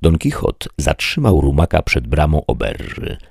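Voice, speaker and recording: A man reading a classic novel aloud as an audiobook narrator, in a measured storytelling way. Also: very deep voice, very animated, vocal fry, darkish tone, husky, dry recording, studio quality.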